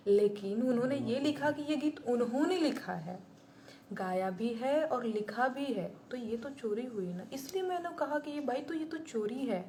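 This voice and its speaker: A woman's voice: on the high side, dark tone, a little hiss or hum. A woman singer-songwriter talking bluntly and indignantly to her viewers on a live stream. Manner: blunt and indignant, plain-spoken.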